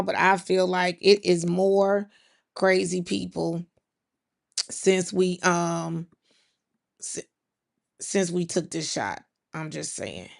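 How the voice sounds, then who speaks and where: A woman's voice: lowish voice, vocal fry. A woman host, chatting casually on a livestream and talking straight to her viewers in the chat. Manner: chatty, talks straight to the chat, says y'all.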